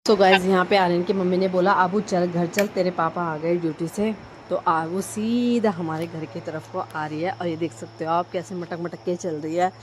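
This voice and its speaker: A woman's voice: fairly low pitch, fairly even intonation, moderate pace, a little hiss or hum. A young adult woman vlogging casually, speaking in a playful, coaxing way. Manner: playful, coaxing talk with children, teasing. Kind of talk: casual vlog chat.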